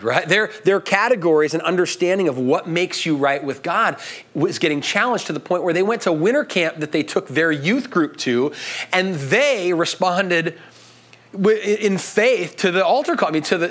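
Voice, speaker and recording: Male pastor, higher-pitched voice, chatty sermon delivery peppered with asides. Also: fairly bright tone. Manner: conversational preaching with frequent "right?" asides.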